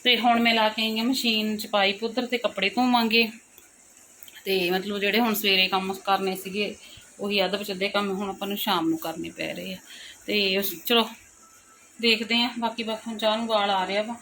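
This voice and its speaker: Young woman, chatty informal home vlogger, medium pitch, faint background noise. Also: flat delivery, brisk, pushed and bright. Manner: chatty, informal, explaining everyday chores. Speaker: family vlogger, mother. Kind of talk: casual home vlog narration. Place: at home, household noise behind. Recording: noisy home phone recording.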